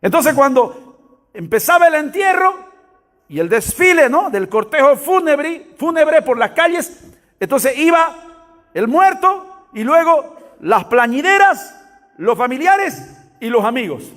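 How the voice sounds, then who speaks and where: A man's voice: extremely high pitch, big pitch swings, measured pace, a bit bright, long reverb tail. A man preaching a sermon, speaking emphatically and repeatedly calling out to his congregation. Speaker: pastor.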